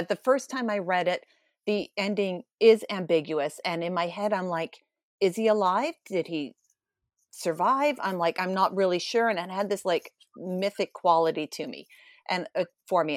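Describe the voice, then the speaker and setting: A woman co-hosting a casual book discussion, thinking out loud in a rambling, reflective and emotional way. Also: on the low side, moderate pace, no echo, clean studio sound. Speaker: book club co-host.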